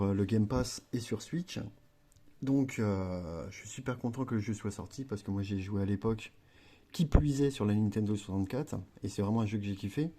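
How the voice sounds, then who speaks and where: This gaming video creator has a lowish, mellow voice. He chats casually through a gameplay tutorial, rambling, filling gaps with fillers and correcting himself often.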